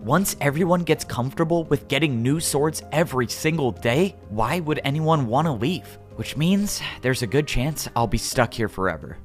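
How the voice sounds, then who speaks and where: A man's voice: medium pitch, expressive, moderate pace, few pauses. A young man narrating his own adventure story in first person and acting out his lines with pleading, wisecracking energy. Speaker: narrator and lead character. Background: faint background music.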